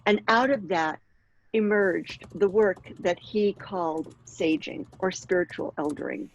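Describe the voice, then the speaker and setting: A woman in her sixties leading a workshop on aging, speaking in a measured way and clearing her throat now and then. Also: fairly low pitch, highs cut off, slight background noise. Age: 60s. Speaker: workshop leader and author. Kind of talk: workshop talk with read-aloud passage.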